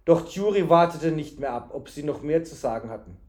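A man reading a children's adventure book aloud to a child, calm, with explaining asides. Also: on the high side, fairly quick. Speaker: reader reading a story to a child.

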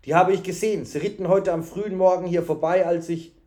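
A man's voice: high-pitched, moderate pace, warm tone, lightly acted. A man voicing an eager tavern guest. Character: excited male tavern guest, eager witness.

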